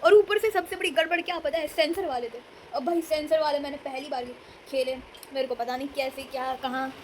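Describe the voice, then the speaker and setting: A woman's voice: sits high, a little fast, a little hiss or hum. A young woman vlogging casually to her viewers, chatty and dramatic, often mixing English words into her talk. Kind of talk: casual chat to camera.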